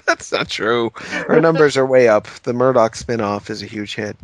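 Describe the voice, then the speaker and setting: A man's voice: medium pitch, moderate pace, no room sound. A man guest on a podcast, dry and mock-serious in casual comedic chat.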